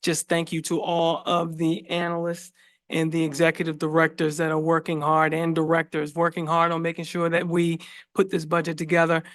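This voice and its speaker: A man, a school superintendent, giving a brisk, businesslike budget report with deadlines. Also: on the high side, a bit bright, no echo. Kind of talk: formal report.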